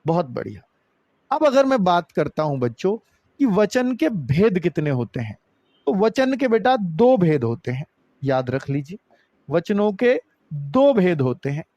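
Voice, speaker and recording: A male teacher explains grammar to students he calls kids. His voice sits high and leaps up and down in pitch, with emphatic rises and low, drawn-out drops. The close mic gives a dry sound with no room echo. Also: sing-song, mellow, highs cut off. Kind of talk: online exam-prep grammar lesson.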